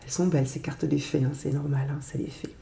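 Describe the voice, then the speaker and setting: A woman with a cold talks through a tarot reading in a gentle, chatty manner. Her voice is mellow and soft, and it carries a roomy echo. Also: low-pitched, level tone, quick pace, gravelly. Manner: gentle, chatty, with many fillers. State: stuffy with a cold. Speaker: tarot reader. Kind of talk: casual tarot reading to camera.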